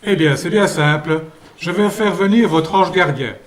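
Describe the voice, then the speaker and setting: A man playing a gentle, fatherly saint. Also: on the high side, lightly acted. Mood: benevolent. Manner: calm, pious, measured preaching. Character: gentle, fatherly male saint at heaven's gate.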